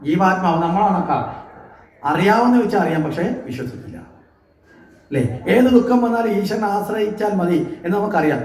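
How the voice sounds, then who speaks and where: A man's voice: sits high, echoey room. A man giving a devotional scripture discourse at a temple, often asking the listeners questions and answering them himself. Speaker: religious discourse speaker. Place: temple hall.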